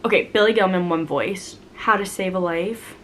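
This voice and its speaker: A woman's voice: fairly low pitch, normal speed, fairly bright tone, slight background noise. A young woman vlogger in a casual chat answering viewer questions, rambling and chatty with frequent laughs.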